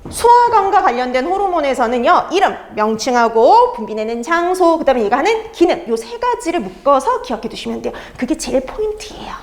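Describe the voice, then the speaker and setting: High, lively woman lecturing. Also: a little fast, few pauses. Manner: asks students questions and answers them herself; repeats key terms for emphasis. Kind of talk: exam-prep lecture.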